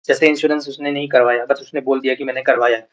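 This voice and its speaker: A man teaching an exam prep lecture, reading English points slowly and then explaining them casually with fillers. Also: medium pitch, flat delivery, muffled recording. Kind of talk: lecture mixing Hindi and English.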